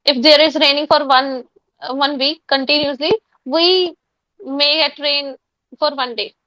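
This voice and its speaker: A woman's voice: high voice, fairly even intonation, measured pace, bright, forceful tone, no room sound, rough recording. A woman from Punjab, chatting in casual English practice over a call, talkative and full of fillers and self-corrections. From Punjab, India.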